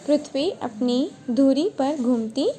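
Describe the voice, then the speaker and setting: A woman's voice: sits high, expressive, slow, mellow, a little hiss or hum. A woman teacher giving a recorded grammar lesson, asking questions and then answering them herself.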